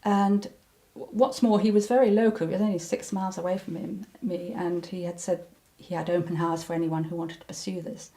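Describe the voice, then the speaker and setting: A woman's voice: on the low side, steady tone, brisk, hardly any pauses, dark tone. An older woman recounting personal memories in an interview, hesitant, with many ums and restarts. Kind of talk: reflective personal recollection.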